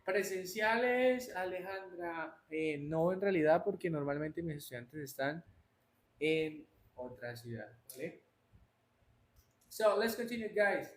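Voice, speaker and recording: A man's voice: on the high side, animated, takes it slowly. A man teaching an English class live online, answering students by name and switching between Spanish and English. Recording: roomy echo, faint noise.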